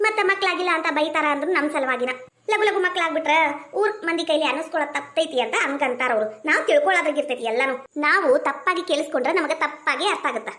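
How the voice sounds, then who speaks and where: A woman acting in a village comedy skit with a North Karnataka Kannada accent. Her voice sits very high and the words tumble out quickly. She banters and teases, quick-tongued. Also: pushed and bright, echoey room. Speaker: comedy skit actor and channel host.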